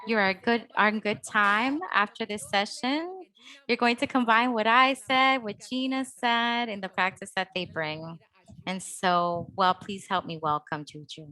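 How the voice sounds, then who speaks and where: A woman's voice: mid-range voice, measured pace, pushed and bright, no room sound, low-quality recording. Woman, host, healing workshop talk, hesitant, many fillers, searching for words.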